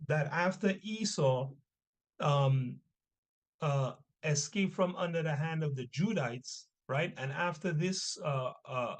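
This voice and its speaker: Speaking with a fairly high pitch, a man leads a casual class on religious history, reading passages aloud. He punctuates his points with rhetorical questions and brief check-in tags.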